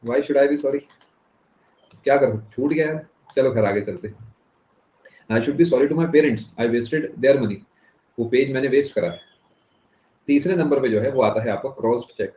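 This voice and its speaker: Lecturing on economics, a man speaks unhurriedly with frequent pauses in a medium-pitched, slightly mellow voice. He breaks things down step by step, mixes in English phrases, and checks on his students' understanding, all captured in a dull, echoey classroom recording.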